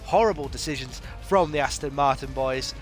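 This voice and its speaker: A man commentating a sim race live, excitable and chatty, his voice strained from coughing. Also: mid-range voice, moderate pace, faint music behind. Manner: excitable, rising to shouts at big moments; chatty and offhand with live chat between calls.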